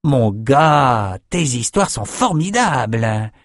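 A man's voice: medium pitch, animated, moderate pace, darkish tone, no echo, clean studio sound, pitched above the performer's own voice, close to an everyday voice. A man voicing a hearty, falsely cordial male reveler in an audiobook.

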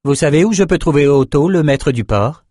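Icy young sorceress, clipped and firm, pitched way up, as a man reads her out. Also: expressive, brisk, a little mellow, no echo, clean studio sound. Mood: cold firm. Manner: curt and icy. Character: cold stern young woman sorceress.

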